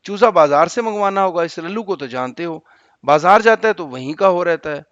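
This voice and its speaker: Fussy middle-aged housewife who nags and scolds, put on by a male teacher reading aloud; high voice, dry, muffled sound. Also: lively intonation, a bit bright, dry recording. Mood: fussing. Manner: nagging, shrill scolding.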